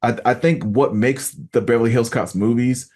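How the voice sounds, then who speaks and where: Speaking fairly quickly in a mid-range voice, a man hosts a relaxed podcast conversation. His delivery is lively, and he dramatizes quotes to back up what he's saying.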